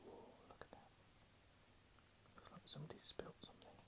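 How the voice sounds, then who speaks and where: A man reading under his breath in a hushed ASMR whisper, with casual murmured asides. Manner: slow, hushed delivery. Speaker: ASMR reader.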